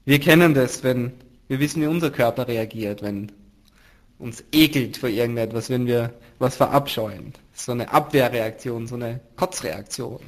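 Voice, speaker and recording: A man's voice: mid-range voice, moderate pace. Earnest man preaching a Bible study. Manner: emphatic, swinging between loud stresses and hushed drops. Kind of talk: sermon-style Bible teaching.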